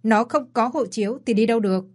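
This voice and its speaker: A woman voicing an angry old grandfather in an audio story, scolding and shouting. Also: on the high side, quick pace, natural voice.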